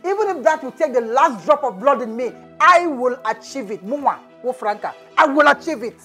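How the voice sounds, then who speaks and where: A woman's voice: high voice, expressive, moderate pace, pushed and bright, soft background music. An actress with a Nigerian accent playing an ambitious mother who is firm and determined. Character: ambitious determined mother plotting for her son.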